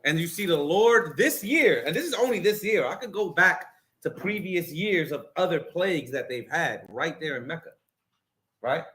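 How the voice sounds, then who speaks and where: A man with a slightly high voice that swings widely in pitch as he hosts a religious talk stream. He preaches over played clips in an animated, mocking manner and keeps telling his co-host what to play next. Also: normal speed.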